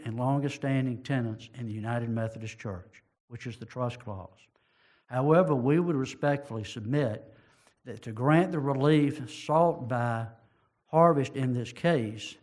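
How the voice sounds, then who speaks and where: A man delivers a formal legal argument in measured, deliberate phrases. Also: mid-range voice, darkish tone. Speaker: lawyer arguing for petitioners.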